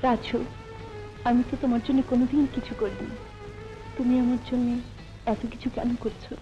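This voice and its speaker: A woman's voice: on the high side, fairly even intonation, normal speed, muffled recording, soft background music, close to an everyday voice. A woman as a humble, grieving young village woman. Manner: humble and tearful. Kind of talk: melodramatic film acting.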